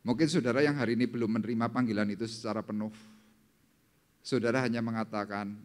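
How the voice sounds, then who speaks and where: A male pastor preaching a sermon, slowing down and lifting his voice dramatically when he reads scripture. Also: steady tone. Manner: dramatic, slowing down and rising in pitch for scripture quotes. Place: church service hall. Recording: long hall reverb in a church.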